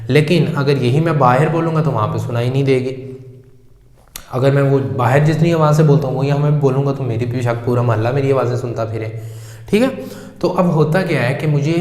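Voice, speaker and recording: A man's voice: medium pitch, darkish tone. A man teaching a physics lesson in speech, patiently explaining with everyday examples and calling his students 'beta', recorded at night in his room. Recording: echoey room with long reverb.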